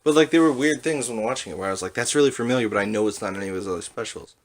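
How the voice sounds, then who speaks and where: A man's voice: medium pitch, racing, slight background noise. A young man co-hosting a podcast, telling rambling stories in casual chat and laughing at himself. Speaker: podcast co-host.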